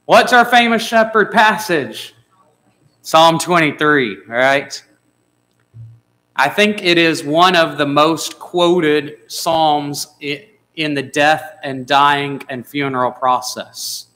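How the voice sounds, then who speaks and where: Man preaching in a church, bright voice, conversational, asks the congregation questions. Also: fairly high pitch, slow, low-quality recording. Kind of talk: sermon. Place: church sanctuary.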